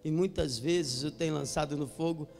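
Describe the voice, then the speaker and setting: A man preaching a sermon in a church, dropping to soft, low appeals and then rising to loud, shouted exhortation. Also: normal speed, vocal fry. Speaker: pastor. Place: church sanctuary. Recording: long hall reverb with faint music.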